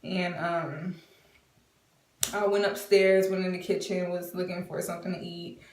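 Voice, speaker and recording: A woman's voice: on the low side, level tone, unhurried, darkish tone, slight background noise. A woman in her twenties telling a casual storytime, chatty and full of fillers, acting out what people said. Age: 20s. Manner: chatty, many fillers, acts out quotes. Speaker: vlogger. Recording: roomy, from a distance.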